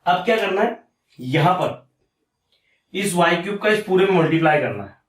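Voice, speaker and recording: A man's voice: high-pitched, expressive, moderate pace, echoey room, far from the mic. A man teaching a maths lesson step by step, repeating each step and asking and answering his own questions. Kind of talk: explaining step by step on a board.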